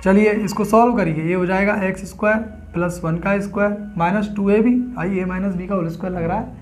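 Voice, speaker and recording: Male math tutor, fairly high voice, step-by-step classroom explaining. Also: fairly even intonation, a little fast, a little hiss or hum. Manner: explains step by step, asks students questions. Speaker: math teacher.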